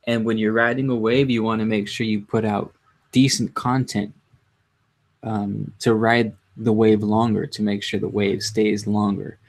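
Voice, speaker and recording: A man hosting a casual livestream, chatting to viewers in a subdued, low-energy, rambling way with halting self-interruptions. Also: little pitch movement. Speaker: livestream host. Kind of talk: casual live chat to viewers.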